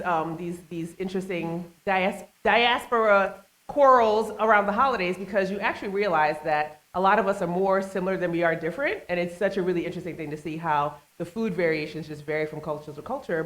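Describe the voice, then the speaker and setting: A woman's voice: fairly low pitch, a bit bright. A woman hosting a live talk show on a small stage, chatting playfully and teasing the audience. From United States, family from Trinidad and Tobago.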